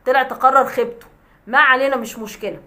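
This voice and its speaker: A woman's voice: high-pitched, steady tone, quick pace, bright, forceful tone. A woman with an Egyptian accent, a vlogger ranting at a critic in a sarcastic, scolding way with scornful laughs. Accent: Egyptian Arabic. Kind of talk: mocking rant to camera.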